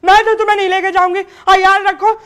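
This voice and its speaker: A woman's voice: very high-pitched, little pitch movement, fast. A young woman plays a defiant daughter arguing back in a comedy drama. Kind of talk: scripted comedy drama dialogue.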